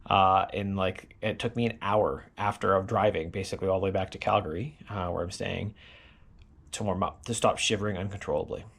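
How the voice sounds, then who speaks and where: A middle-aged man casually recapping a hard gravel ride, sore and tired, rambling with lots of fillers. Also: low voice, steady tone, a little fast, a bit bright. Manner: rambling, filler-heavy, self-deprecating. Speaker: gravel cyclist vlogger.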